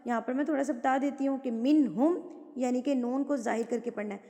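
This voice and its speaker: A woman teaching Quran recitation rules, patiently explaining step by step and reciting verses slowly. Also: high-pitched, warm tone, long reverb tail. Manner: patient, explains step by step and asks and answers her own questions.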